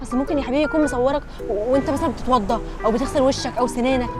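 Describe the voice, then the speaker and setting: A woman's voice: sits high, music in the background, lightly acted. An actress playing a pregnant young wife in a TV comedy, with an Egyptian Arabic accent, soothing her husband and teasing him. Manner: quick, soothing yet teasing. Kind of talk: TV comedy series acting.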